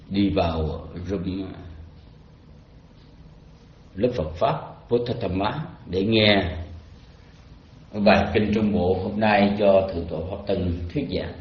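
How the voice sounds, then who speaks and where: A male Buddhist monk teaching in a didactic, halting way, with pauses and repeats, as in a dharma talk. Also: deep voice. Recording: dull lo-fi, echoey online audio.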